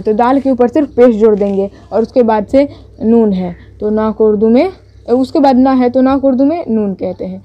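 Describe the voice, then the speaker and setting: A woman's voice: a little high, dull audio. A woman teaching a beginners' Urdu writing lesson step by step, patiently explaining each stroke and correcting herself as she goes.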